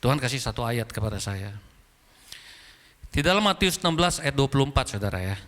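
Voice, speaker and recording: A man's voice: medium pitch, fairly quick. A male pastor, preaching a sermon and acting out the dialogue in his story. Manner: animated storytelling, acting out dialogue, addressing congregation as "saudara". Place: large church hall. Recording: long hall reverb.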